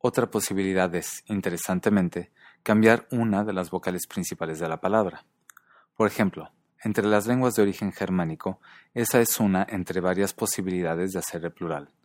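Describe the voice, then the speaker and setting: A man narrating a scripted language lesson in a calm, measured way, carefully pronouncing foreign example words. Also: sits low, dry recording, clean studio sound.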